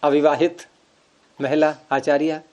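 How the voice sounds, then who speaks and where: A man's voice: on the high side, level tone, unhurried, darkish tone, dull audio. A man teaching Sanskrit grammar in an informal class, explaining patiently with everyday examples.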